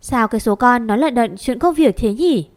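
A woman voicing a quick-tempered young woman who snaps at her younger sister. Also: a little high, expressive, lightly acted. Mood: snappish. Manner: snappish, scolding.

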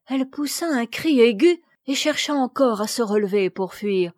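A woman reading a classic children's story aloud in a measured storybook narration. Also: fairly high pitch, animated, a little mellow, dry recording, clean studio sound. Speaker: audiobook reader.

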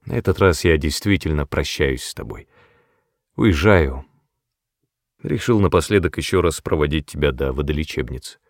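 A man reading the part of a sad grown man saying a final goodbye, quietly and gloomily. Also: a bass voice, animated, normal speed, no echo, studio quality.

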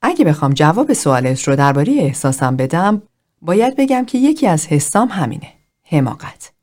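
A woman reading the part of a plainspoken, self-conscious young man who talks in a frank, halting way. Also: sits low, very animated, darkish tone. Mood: candid.

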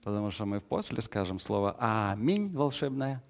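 A man preaching a sermon and pausing for an interpreter. He swings from loud, emphatic outcries to quiet, hushed asides. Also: on the low side, big pitch swings.

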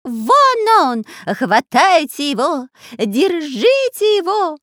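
A woman voicing an excitable, long-nosed male spy in a storybook, shrill and yelling. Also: slow, no echo, studio quality, exaggerated voice.

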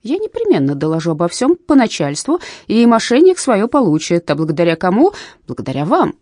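Woman reading as a pushy friendly canal guy in a storybook, drags out his words, mellow voice. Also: medium pitch, huge pitch swings, no echo, voice pushed up. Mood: coaxing. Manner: wheedling, drawn-out exclamations. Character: excitable male canal worker, scheming and friendly.

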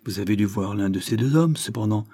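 Un homme lit le rôle d'un officier de police qui interroge avec insistance dans un roman. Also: male voice, lowish voice, brisk, dark tone, no room sound, studio quality, close to an everyday voice. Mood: insistent. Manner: insistent, probing. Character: insistent male police officer questioning a witness.

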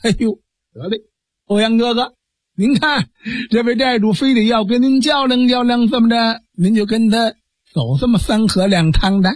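A man's voice: very high-pitched, normal speed, no room sound. A male storyteller voicing a shrewd, genial sworn brother who coaxes his friend along. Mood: coaxing.

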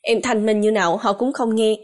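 A woman's voice: a little high, fairly even intonation, fairly quick, natural voice. A woman voicing a young pregnant wife who pleads in distress. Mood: distraught.

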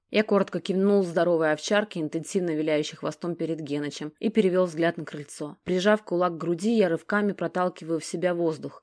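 Low-voiced woman narrating a story. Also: a little mellow, no echo. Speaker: audiobook narrator. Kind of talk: first-person story narration.

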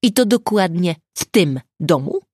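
A woman voicing an arrogant, irritable male prosecutor who scolds in a loud, raised voice, in an audiobook. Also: lowish voice, lively intonation, unhurried, dry recording, clean studio sound. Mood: angry.

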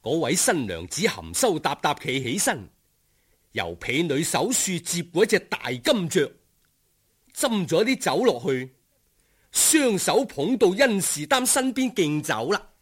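A man tells a Cantonese folk tale from a script, delivering it dramatically and expressively. His voice is husky and ranges widely in pitch, and he takes his time, lingering over the descriptions at a slow pace.

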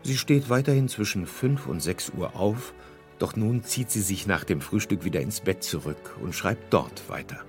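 A man giving scripted documentary narration in a measured, varied way. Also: low-pitched, animated, faint music behind.

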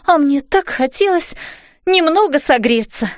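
A woman's voice: high-pitched, lively intonation, no room sound, clean studio sound, pitched above the performer's own voice. A woman doing a flustered fairy mother. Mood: fretful. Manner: exclamatory, slow emphatic commands.

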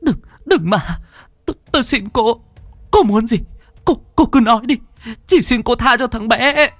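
A man's voice: extremely high pitch, lively intonation, normal speed, fairly bright tone, no echo, pitched above the performer's own voice, heavily acted. A man voicing a terrified mother who stammers as she begs for her son's life in a horror story. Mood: begging. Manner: pleading, stammering.

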